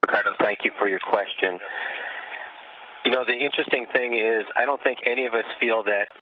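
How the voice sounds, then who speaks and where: A man's voice: mid-range voice, steady tone, fairly quick. A man answering questions as an astronaut over a radio link from a spacecraft. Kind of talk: answering public questions from orbit. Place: aboard spacecraft in orbit. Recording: phone-like radio downlink, clear noise.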